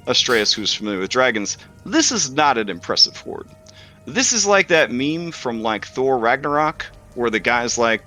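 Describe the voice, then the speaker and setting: Bright-voiced man running a tabletop game. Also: medium pitch. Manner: informal, joking, sweary. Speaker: game master. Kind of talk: casual tabletop game narration.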